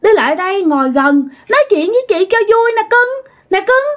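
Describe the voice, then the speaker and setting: A woman voicing a leering, possessed young woman with a shrill, piercing voice and a Southern Vietnamese accent. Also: sing-song, fairly quick, a bit bright, full character voice. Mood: leering, coaxing. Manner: coaxing, taunting, cackling.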